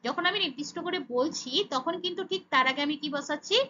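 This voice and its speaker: A woman's voice: high-pitched, fast, bright, forceful tone, highs cut off, slight background noise. A woman teaching English grammar to children, speaking with a Bengali accent, asking and answering her own questions and saying "okay" often. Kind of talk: explaining grammar lesson.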